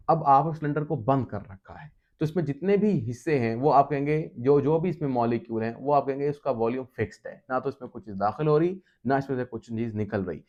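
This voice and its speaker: A male chemistry teacher talks his class through a lesson, patient and repetitive, and slows to a crawl whenever he reads out an English definition. His voice is dark and mellow. The recording sounds dull and slightly lo-fi. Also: medium pitch. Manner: mixes Hindi-Urdu with read-out English definitions, slowing down sharply for them; addresses students directly, patient and repetitive. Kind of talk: recorded classroom lecture, explaining step by step.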